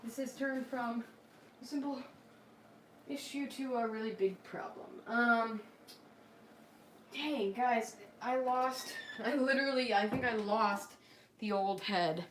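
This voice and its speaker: A woman's voice: fairly high pitch, takes it slowly, pauses often, a little hiss or hum. A woman chatting casually on a home livestream, rambling and flustered, full of ums, sometimes dropping to a near whisper as she reads comments.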